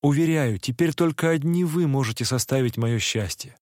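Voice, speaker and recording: A man voicing a poor, gentle young man who makes solemn, soft-spoken vows. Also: medium pitch, moderate pace, no room sound, clean studio sound, natural voice. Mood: tender, solemn.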